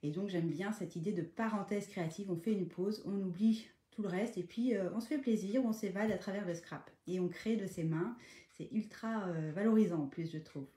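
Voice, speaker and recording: A woman hosting a live craft tutorial, chatting casually, greeting viewers by name and filling pauses with hesitations. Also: mid-range voice, mellow. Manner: chatty, greets viewers by name mid-sentence, many fillers.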